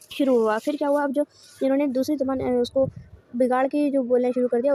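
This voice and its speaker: There is slight background noise as a woman with a high, dark-toned voice lectures online, walking through course notes. As a teacher, she raises rhetorical questions, responds to them, and repeats her points using new wording.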